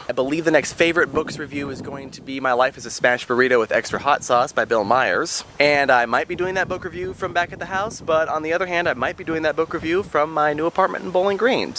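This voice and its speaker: A man's voice: a little high, bright, forceful tone, slight background noise. A young man giving a casual vlog book review, earnest and chatty with dry self-mocking asides.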